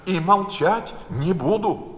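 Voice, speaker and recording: A man's voice: sits high, expressive, slow, fairly bright tone, pitched above the performer's own voice, heavily acted. A man playing a stubborn little girl, raised childlike voice, defiant, echoing hall. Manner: defiant, insistent. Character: bold stubborn young girl Alice. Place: palace concert hall. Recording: live concert hall reverb.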